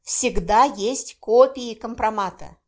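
A woman reading an audiobook, voicing a menacing male inquisitor who hisses and barks orders in a slow, cold way. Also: high-pitched. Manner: hissing, cold and scolding.

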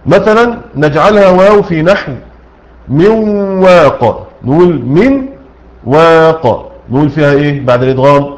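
A man with an Egyptian Arabic accent teaches Quran recitation rules, going through a poem line by line. He poses questions and answers them himself, repeats key words, and recites slowly. His voice is a little high, and the recording is rough.

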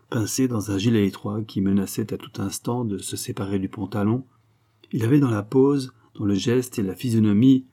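A man narrating a classic novel in a measured, literary reading. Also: fairly low pitch, warm tone. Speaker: audiobook narrator. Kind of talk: scripted narration.

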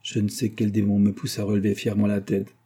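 A man reading a classic novel aloud as narrator, expressive and giving characters their own voices. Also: lowish voice, fast talker, slightly rough. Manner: expressive, reads dialogue with voices. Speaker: audiobook reader.

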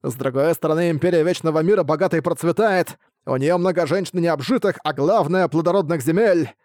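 A swaggering barbarian khan roars out his battle speech, as a male audiobook reader puts him on. The voice rides high and loud with a boastful edge. It is recorded close and dry, with no room sound. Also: a little fast, no room sound, close to an everyday voice. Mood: boastful rallying. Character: boisterous barbarian khan warlord, man. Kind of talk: audiobook character voice.

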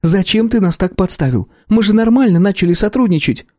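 A man's voice: high voice, animated, fairly quick, darkish tone, dry recording, studio quality, voice pushed up. A man voicing a stern young woman who leads a clan and scolds her comrades, in a storybook reading. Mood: scolding. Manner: scolding, commanding.

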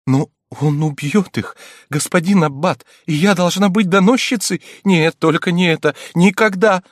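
A man's voice: a little high, lively intonation, moderate pace, dry recording, studio quality, voice pushed up, lightly acted. A man voicing a meek, weeping young noblewoman who pleads helplessly. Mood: pleading.

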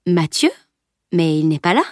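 A woman reading an audiobook, voicing a polite, welcoming woman in her fifties who speaks with gentle surprise. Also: fairly low pitch, sing-song, moderate pace, no room sound, clean studio sound.

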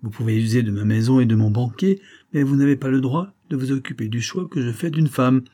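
A man's voice: mid-range voice, fairly quick, warm tone, natural voice. A male reader voicing a weak, nervous young baronet in an audiobook, pleading and feebly defiant. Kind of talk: audiobook character reading.

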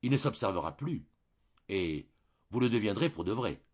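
A shrewd old country priest lays out his counsel calmly and with authority, as a man reading aloud puts him on. His voice sits fairly low and husky, on a dull lo-fi recording. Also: normal speed. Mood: calm advising. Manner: calm, authoritative advice.

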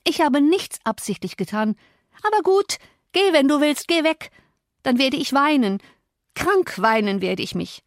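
A woman reading an audiobook, voicing a willful, hot-tempered young woman who speaks in a shrill, raised, imperious voice. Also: lively intonation, measured pace, no echo, studio quality. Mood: defiant.

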